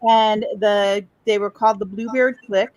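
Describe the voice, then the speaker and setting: As a guest on a podcast, a woman from Chicago tells a family story in casual conversation, rambling, trailing off, and circling back. Her voice is medium in pitch and a little mellow, with fairly even intonation at a normal speed.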